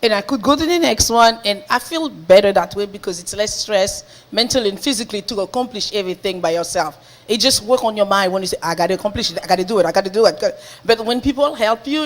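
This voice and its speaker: A woman giving a lively, laughing personal testimony to a small church group. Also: medium pitch. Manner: animated, laughing, lively storytelling. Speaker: congregation member giving testimony.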